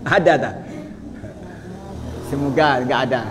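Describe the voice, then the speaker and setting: A man's voice: mid-range voice, unhurried, a bit bright, slight background noise. A middle-aged man giving a religious lecture to a live audience, chatty and joking, often asking the listeners questions. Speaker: Islamic preacher.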